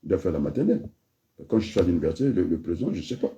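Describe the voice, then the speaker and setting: A man's voice: deep voice, big pitch swings, very fast, warm tone, slight background noise. A man from the Republic of the Congo giving a freewheeling spoken address, rambling from one aside to the next with frequent restarts. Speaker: speaker.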